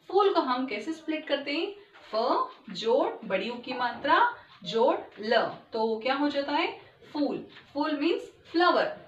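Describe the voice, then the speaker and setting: A woman teacher giving a recorded Hindi lesson to young children, spelling words slowly and clearly and mixing in English words. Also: high-pitched, slight background noise. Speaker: primary school teacher. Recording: echoey room, distant dull mic.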